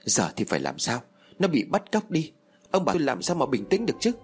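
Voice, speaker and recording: Distraught older mother, tearful and accusing, lively swings in pitch, read by a male narrator. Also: fast, husky, faint music behind. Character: grieving, frantic older mother, wailing and blaming.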